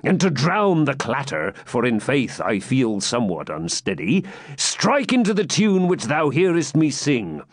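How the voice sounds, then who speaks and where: A man's voice: medium pitch, wildly swooping pitch, a little slow, no room sound, clean studio sound, voice pushed up, exaggerated voice. A man voicing a jovial, tipsy male hermit friar who drawls and blusters. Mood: blustering.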